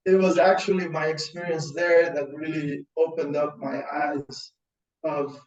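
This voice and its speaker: A man born in Iran and raised in Sweden tells his story in a webinar on a video call, halting and repeating words as he goes. His voice sits a little high and stays fairly flat. The sound is roomy and dull, as if he sits some way from the mic. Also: distant mic. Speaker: founder presenting a webinar. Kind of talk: webinar talk.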